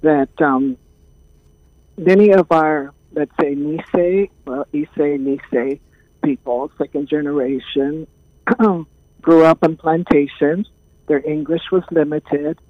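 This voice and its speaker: A woman, speaking as an interview guest in a calm, thoughtful way with many pauses. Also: low voice, no room sound. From Hawaii. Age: 70s. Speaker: guest, caregiving trainer. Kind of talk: casual interview talk. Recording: tinny phone line.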